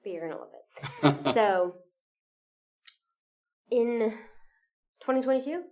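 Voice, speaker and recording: A woman's voice: a little high, lively intonation, takes it slowly, a little mellow. Chatty tired woman co-host. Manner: chatty, laughs often, many fillers. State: tired, yawning. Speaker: podcast co-host, theater director. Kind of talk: casual chat.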